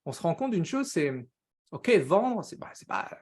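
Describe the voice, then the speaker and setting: A man hosting a live business-coaching stream, energetic and upbeat, talking very fast, greeting viewers by name and dropping English words into his speech. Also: high voice, slightly rough. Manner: says he talks very fast.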